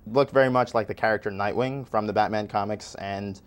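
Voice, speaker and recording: A young man from Chile with a fairly low voice, a guest on an interview show. He talks at length about his work in a loose, rambling way and leans on "like" a lot. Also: steady tone, brisk, smooth. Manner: rambling, with many "like"s. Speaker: guest filmmaker. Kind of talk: casual interview chat.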